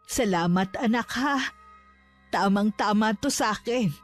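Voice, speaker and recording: A woman's voice: mid-range voice, a little slow, lightly acted. A woman voicing a loving mother who is tender with her son and fierce toward those who threaten him. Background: faint music.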